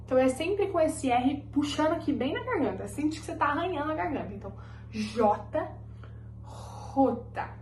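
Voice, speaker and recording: A woman's voice: sits high, expressive, fairly quick, a little mellow, a little hiss or hum. A woman teaching a language lesson, patiently repeating each letter so students can copy it. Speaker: Spanish teacher. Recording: roomy echoey recording.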